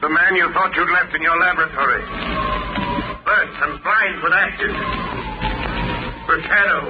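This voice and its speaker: An actor playing a relentless, menacing avenger in 1930s radio melodrama, theatrical and taunting. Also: male voice, fairly high pitch, normal speed, close to an everyday voice. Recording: old phone-like 1930s radio broadcast, loud music.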